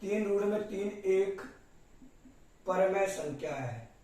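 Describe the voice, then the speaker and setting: A man's voice: sits high, animated, takes it slowly, dark tone. A male math teacher who explains step by step and keeps addressing his students fondly. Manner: explains step by step, often calls students "beta". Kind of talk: classroom math lesson. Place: classroom with a board. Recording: very echoey room, voice from a distance.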